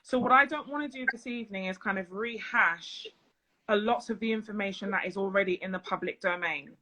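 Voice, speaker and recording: A woman speaking as a guest into her phone on a live video chat. She talks in a measured, deliberate and earnest way, like a business coach laying out her points. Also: mid-range voice, noisy background.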